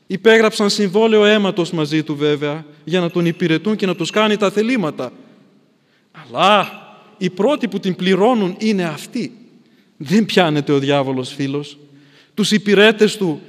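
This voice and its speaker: A man preaching a sermon with emphatic repetition, often dropping his voice to a hush. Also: sits high. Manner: emphatic, repetitive phrasing with sudden drops to near-whispers. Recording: long church reverb.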